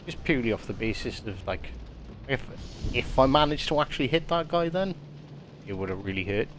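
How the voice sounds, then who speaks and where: A man's voice: medium pitch, lively intonation, brisk, background noise. A man streaming a naval combat game, talking casually to his chat, swearing often and repeating words as he thinks aloud. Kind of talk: casual gameplay commentary.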